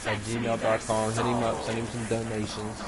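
Male gamer, deep disguised voice from a voice changer, crude slangy banter, loud game noise behind. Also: completely flat delivery, moderate pace. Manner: crude, joking, laid-back slang. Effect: deep disguised voice through a voice changer. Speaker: gamer streaming with friends. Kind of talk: casual joking gameplay chat.

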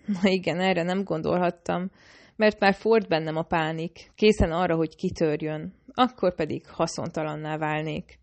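Low-voiced woman narrating an audiobook. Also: fairly even intonation, vocal fry. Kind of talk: scripted first-person narration.

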